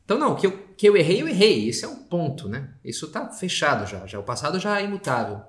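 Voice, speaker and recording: A priest leads a spoken meditation in a loose, chatty manner, tossing in slang and tag questions. His voice sits at a middling pitch, and the room gives it a noticeable echo. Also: big pitch swings, fast. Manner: conversational, with slangy asides and many "né?" tags. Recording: echoey room.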